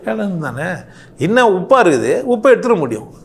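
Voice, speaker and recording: His voice is high and creaky, and he talks fairly quickly. Delivering a passionate, animated monologue, this man peppers it with rhetorical questions and swings his pitch sharply up and down.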